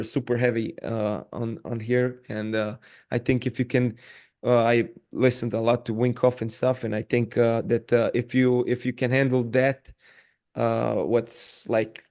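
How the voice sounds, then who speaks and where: A man hosting a casual podcast interview, halting and full of fillers and repeated words. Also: mid-range voice, flat delivery, darkish tone.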